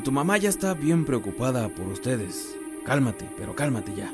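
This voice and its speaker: A man with a Mexican accent acting a gruff rural uncle who is secretly the devil, calming his nephew in a coarse way in a radio drama. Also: mid-range voice, normal speed, natural voice. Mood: soothing. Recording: drama with loud music score.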